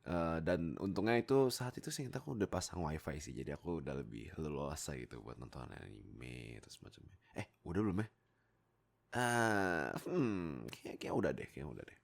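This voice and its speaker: His voice is a rumbling, creaky low, and he moves at a moderate pace. A young adult from Indonesia who makes YouTube videos and dabbles in voice acting, he spins casual, animated stories about himself into a close USB mic, with lots of exclamations and bursts of giggling.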